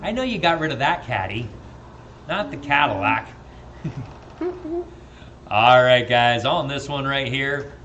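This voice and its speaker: A man's voice: mid-range voice, lively intonation, slow, pauses often, fairly bright tone, lo-fi sound. Man, auctioneer, rhythmic bid chant, chatty asides, faint background hiss. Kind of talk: live-streamed auction calling.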